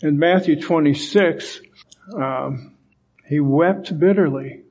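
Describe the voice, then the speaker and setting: A man's voice: a little high, takes it slowly, darkish tone. A man preaching a sermon, reading scripture aloud and explaining it with emphasis. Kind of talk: sermon Bible teaching.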